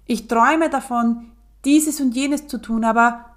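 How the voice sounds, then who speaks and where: A worn-out young mother opens up to a trusted friend, confiding and hesitant, pausing as she searches for words, played by a woman. Her voice sits fairly high. She speaks slowly. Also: natural voice. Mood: hopeful. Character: weary, struggling young mother and client.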